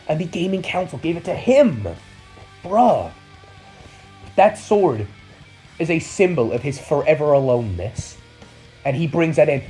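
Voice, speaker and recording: A man on a comedic storytelling vlog, swinging between excited yelps and mock-solemn mutters as he recounts an absurd saga. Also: a little high, low-quality recording. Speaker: YouTuber.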